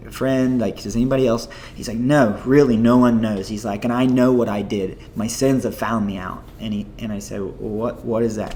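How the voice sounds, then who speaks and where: A man's voice: on the low side, slight background noise. Man telling vivid stories. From United States. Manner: animated, chatty storytelling full of "like" and "you know". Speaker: missionary guest. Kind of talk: storytelling interview.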